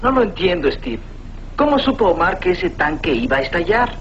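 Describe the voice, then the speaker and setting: A man's voice: high-pitched, sing-song, normal speed, a bit bright, slight background noise. A man voicing an eager, earnest teenage sidekick in a dubbed cartoon, respectful and full of exclamations. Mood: puzzled, earnest. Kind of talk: dubbed superhero cartoon acting. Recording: dull lo-fi soundtrack with music.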